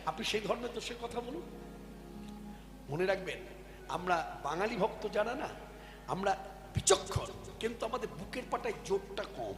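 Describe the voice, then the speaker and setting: A man delivers a devotional sermon, pressing his audience with pointed questions. His voice sits high. It rings with the long echo of a big hall, and instruments play clearly behind him. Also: expressive, normal speed, long pauses. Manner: addresses the audience with questions, emphatic. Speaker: kirtan preacher. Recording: echoey hall with music behind.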